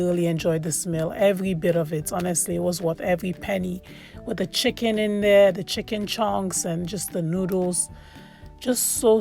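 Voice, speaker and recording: A woman's voice: mid-range voice, vocal fry, a little mellow. A woman from Sierra Leone giving casual, chatty food vlog commentary, often repeating words for emphasis. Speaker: food vlogger. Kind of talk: casual voice-over commentary on a meal.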